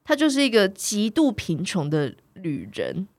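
A woman's voice: medium pitch, huge pitch swings, a little slow, a little mellow, no echo, clean studio sound. A young woman casually telling a story on a chat podcast, acting out the people in it and laughing often.

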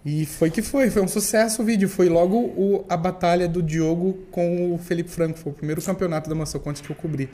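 A man's voice: sits high, fairly even intonation, fairly quick, few pauses, dark tone. A man casually telling a story about how he started covering events as a reporter. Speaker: podcast guest, event reporter.

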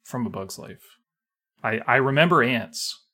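A man co-hosting a podcast with a wry, easygoing manner, laughing along as the talk wanders. His voice sits in a middle pitch and plain everyday tone. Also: animated, a little slow, bright, forceful tone. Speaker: podcast co-host. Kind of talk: casual podcast banter.

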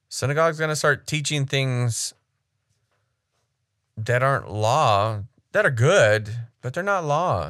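A man's voice: medium pitch, gravelly, a bit bright, dry recording, clean studio sound. A man casually commenting on a sermon clip, blunt, frank and critical.

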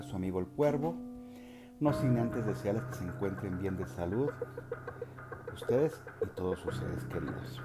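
A middle-aged Mexican man with a Mexican Spanish accent, hosting a podcast and telling a story in a measured, formal way with occasional hesitations. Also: fairly low pitch. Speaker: podcast host. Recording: loud music under the voice.

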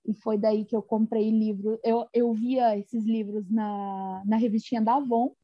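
A woman's voice: fairly high pitch, level tone, unhurried, no room sound, lo-fi sound. A woman from Brazil co-hosting a casual podcast chat, talking in a chatty way with many restarts and frequent laughs. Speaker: podcast co-host.

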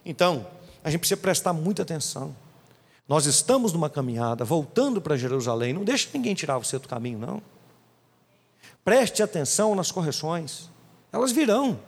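A male pastor preaches an emphatic sermon in a high, sing-song voice that swings widely in pitch, acting out small quotes as he goes. He speaks fairly quickly with vocal fry and a husky edge, and the church hall leaves a long trailing reverb.

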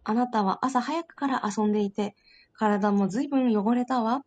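A woman's voice: on the high side, normal speed, natural voice. A woman reader voicing a loving, doting mother who coaxes her young son to come home, in a fond, motherly tone. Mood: scolding fondly. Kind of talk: storybook reading.

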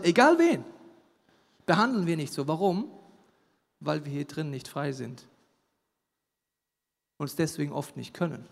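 A man preaches a sermon in a fairly high voice and leans hard into emphasis. He swings between loud declaiming and hushed, intimate asides. A long reverb rings through the large hall around him. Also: gravelly.

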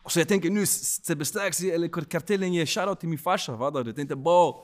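A man telling a personal story in a casual podcast chat, slangy and animated, often checking that the listener follows. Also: a little high. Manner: slangy, animated, keeps asking if you follow. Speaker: podcast guest.

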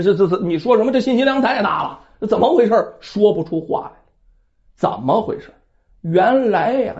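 Animated female storyteller, bright higher voice; dull lo-fi recording. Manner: animated, chatty asides to listeners. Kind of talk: oral storytelling narration.

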